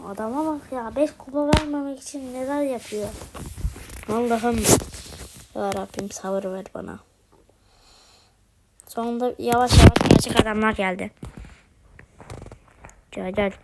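A woman's voice: on the high side, moderate pace, pauses often, heavy background noise. A woman commentating her own mobile game, exasperated, exclaiming and pleading at the screen. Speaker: gaming video host.

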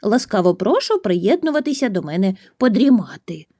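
A woman voicing a sleepy, grumpy male bear with a deep, gruff voice. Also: sing-song, normal speed, mellow, dry recording, studio quality. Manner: drowsy grumbling.

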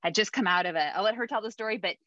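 Over dull, dry video-call audio with no room sound, a woman hosts a Navy mentoring session, chatting with lots of fillers and easy laughter. Her mid-range voice races along, bright and forceful.

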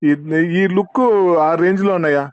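A man on a phone line, an excited fan talking effusively to a film star and repeating "brother" again and again. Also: high voice, normal speed, clean tone, dry recording. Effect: heard over a phone line. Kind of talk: phone conversation. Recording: muffled, dry phone-call audio.

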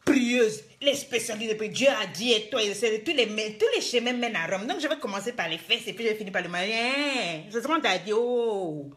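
A woman's voice: fairly high pitch, animated, normal speed, hardly any pauses, fairly bright tone. A woman life coach, scolding her viewers in a live-streamed motivational talk, emphatic and full of rhetorical questions.

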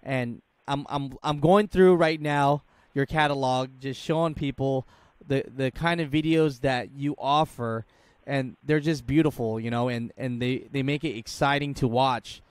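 A man's voice: medium pitch, measured pace, smooth, no echo. A man in his thirties hosting an interview, talking with encouraging enthusiasm into a studio mic. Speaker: host. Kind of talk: casual interview talk. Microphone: studio mic with headphones.

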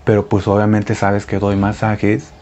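A man voicing a gentle adult male priest who talks softly and coaxingly. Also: on the low side, completely flat delivery, measured pace, lightly acted.

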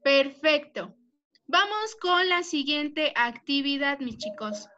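Woman teacher, young, high and bright, slow and patient, affectionate with kids, dull video-call audio. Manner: patient, spells words out, checks in with "ok?"; affectionate with pupils. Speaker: primary school teacher. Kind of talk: online class instruction. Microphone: computer mic on a video call.

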